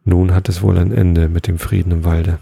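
Grave old elk elders, deep and gravelly, read by a man. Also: level tone, moderate pace, dark tone, dry recording, heavily acted. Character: old solemn male elk elders, worried.

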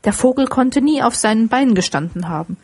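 Woman reading an audiobook, husky voice, calm steady storytelling. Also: on the high side, brisk. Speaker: audiobook narrator.

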